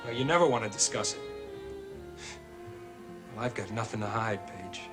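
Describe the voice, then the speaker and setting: An actor playing a lovelorn, reproachful outlaw suitor in a television soap opera. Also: male voice, lowish voice, normal speed, over loud music, close to an everyday voice. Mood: hurt, reproachful.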